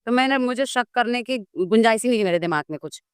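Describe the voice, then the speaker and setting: Smooth-voiced woman telling a story. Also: on the high side, quick pace, dry recording, clean studio sound. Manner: animated storytelling, acts out dialogue. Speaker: guest devotee. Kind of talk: casual storytelling interview.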